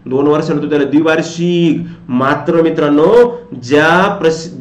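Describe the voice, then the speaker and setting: A man's voice: on the high side, reverberant, muffled recording. A man, teaching an exam coaching lecture, who works through questions and repeats them back to his students.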